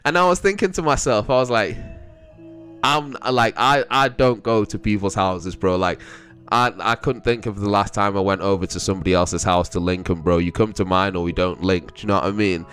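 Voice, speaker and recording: With soft music underneath, a young man from London talks fairly quickly in a low, fairly bright voice. He's a vlogger giving casual, meandering commentary full of slang, laughing under his breath every so often.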